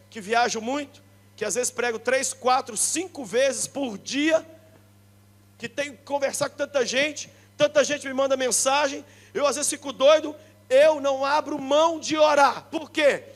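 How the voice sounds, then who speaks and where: Brazilian pastor guy, really high voice, joking around and yelling the big lines at a church congress. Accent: Brazilian Portuguese. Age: middle-aged. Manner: energetic and joking, shouting the key points, acting out quoted people. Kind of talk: lively sermon.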